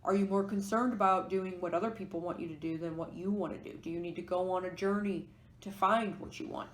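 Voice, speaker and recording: A woman's voice: fairly low pitch, steady tone, fairly quick, a little hiss or hum. Woman doing a tarot reading, echoey room. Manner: musing, explains each card as she goes. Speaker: tarot reader. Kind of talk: pick-a-card tarot reading to camera.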